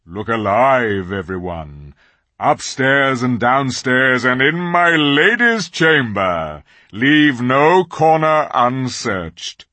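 A man voicing a majestic male lion king with a slow, booming delivery. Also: pushed and bright, no echo, full character voice.

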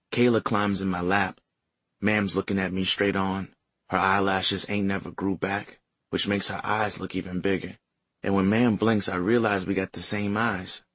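Deep gravelly male audiobook narrator. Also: fairly bright tone, dry recording. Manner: measured, lyrical first-person reading. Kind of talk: scripted narration.

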